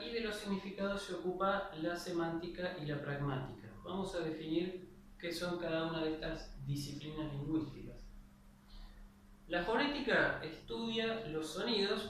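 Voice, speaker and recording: A man giving a spoken grammar lesson, explaining patiently and checking in with his listeners. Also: sits high. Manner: explanatory, with frequent "¿sí?" checks and restarts. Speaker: lecturer. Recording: very echoey, distant mic, faint noise.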